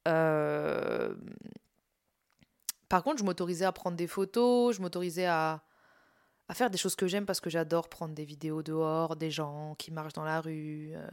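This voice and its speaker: A woman's voice: low-pitched, animated, measured pace, clear, resonant tone. A young woman with a tired voice, candidly talking through a personal podcast, laughing at herself and trailing off on fillers. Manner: candid, self-mocking, laughs through serious points, many fillers and restarts. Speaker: podcast host and content creator. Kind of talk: casual personal podcast monologue.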